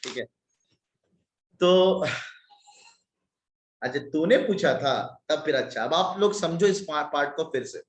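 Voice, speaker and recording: A man's voice: a little high, expressive, a little slow, long pauses, echoey room. A man teaching a maths class online, working sums aloud step by step with joking asides, slightly stuffy from a cold. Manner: talks through sums step by step, jokey asides.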